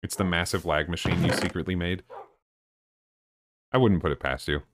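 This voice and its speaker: Guy streaming a game, deep voice, chill deadpan chatter, noisy mic with clicking. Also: normal speed. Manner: low-key and deadpan, even when excited. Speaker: live streamer. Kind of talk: casual live-stream chat while gaming.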